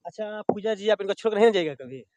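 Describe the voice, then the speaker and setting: Man, news interviewer, from Bihar, high voice, chatty, dry close sound. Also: lively intonation, fast, a little mellow, no echo, lo-fi sound. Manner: chatty, prompting with many short fillers. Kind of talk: casual on-location interview.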